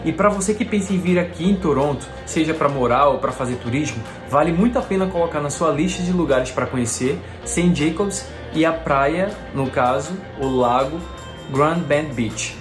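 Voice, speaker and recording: A man's voice: a little high, moderate pace. A man from Recife, narrating a travel vlog voice-over in a friendly, upbeat way, with music playing underneath. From Recife, Brazil. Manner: friendly, upbeat, recommending places. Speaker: travel vlogger. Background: background music.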